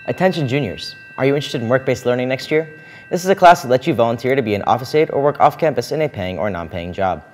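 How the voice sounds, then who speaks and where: A man's voice: medium pitch, lively intonation, quick pace, a little hiss or hum. A teenage boy anchoring a school morning show, reading announcements. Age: teens. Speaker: student news anchor. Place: school studio, indoors.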